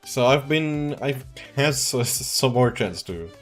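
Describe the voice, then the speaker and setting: Streaming a game from home, a Swiss man in his twenties rambles casually and chuckles often in a laid-back way. His mid-range voice is expressive and slow, over soft background music.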